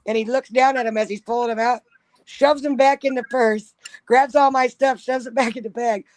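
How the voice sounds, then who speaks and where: A woman's voice: on the high side, fairly even intonation, normal speed, a little mellow, no echo. A woman telling a long, profane story in a casual chat. She laughs often and acts out the people she quotes.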